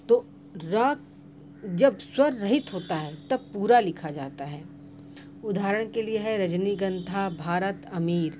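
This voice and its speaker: A woman's voice: mid-range voice, a little hiss or hum. A woman teacher with an Indian Hindi accent, patiently explaining a grammar lesson to young children. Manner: slow, patient explaining, addresses the children directly. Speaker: school teacher.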